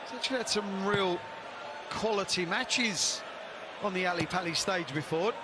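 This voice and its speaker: High-voiced male darts commentator, loud crowd. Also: moderate pace. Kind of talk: live sports commentary, conversational analysis. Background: noisy darts crowd.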